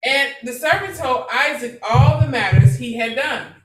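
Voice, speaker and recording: High-voiced woman reading from afar in a roomy space. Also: expressive, moderate pace. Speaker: scripture reader. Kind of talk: reading scripture aloud in a discussion. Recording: roomy and distant from the mic.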